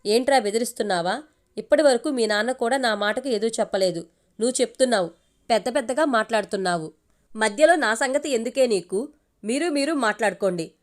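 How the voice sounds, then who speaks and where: A woman's voice: a little high, fairly quick, close to an everyday voice. A woman reading the part of a doting middle-aged mother who scolds her husband and son. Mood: scolding. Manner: scolding, complaining.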